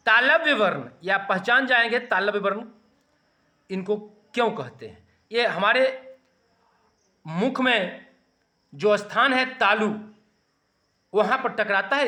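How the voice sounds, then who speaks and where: A man teaching a grammar lesson, slowly sounding out letters and urging students to practise saying them. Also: high-pitched, expressive, bright, forceful tone. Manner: slow, deliberate, sounding out letters for students to repeat.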